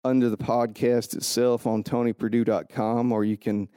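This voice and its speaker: A man's voice: mid-range voice, level tone, normal speed, dark tone, smooth, no room sound, clean studio sound. A man hosting a solo podcast, rambling goofily and joking at his own expense. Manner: self-mocking, goofy, rambling. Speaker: podcast host.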